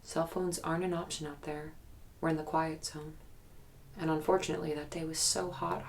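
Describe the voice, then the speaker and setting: In a naturalistic, documentary-style audio drama interview, a guarded young woman recalls a haunted memory, sounding uneasy and haunted. She speaks in a very low, fry-laden register, pausing often as she reflects hesitantly, with slight background noise behind her.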